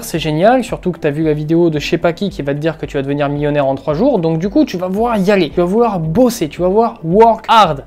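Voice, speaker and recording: Homme coach en ligne, voix douce et chaude, débit vif, tutoie le spectateur, martèle ses mots. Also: male voice, high-pitched. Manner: energetic, emphatic, repeats words for stress, talks straight to the viewer. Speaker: YouTube business coach. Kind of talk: casual motivational advice monologue.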